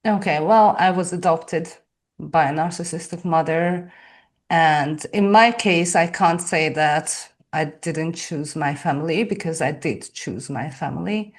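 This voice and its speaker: A woman from Hungary speaks English with a Hungarian accent, taking her time as she thinks aloud. Her voice sits low and her pace is unhurried, with soft laughs between thoughts. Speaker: podcast guest. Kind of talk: casual interview talk.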